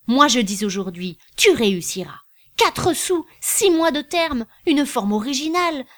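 Brief: a woman reading a loud, boastful middle-aged shopkeeper, exclamatory, with a lively swooping voice. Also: high voice, measured pace, pitched above the performer's own voice, exaggerated voice. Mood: exultant. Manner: grandiose, exclamatory. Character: exuberant middle-aged male perfumer, boastful.

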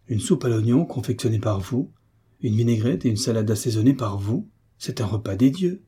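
A man reading aloud as a bold young soldier who teases his uncle in a lively, resolute way. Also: mid-range voice, normal speed, breathy edge. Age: young adult.

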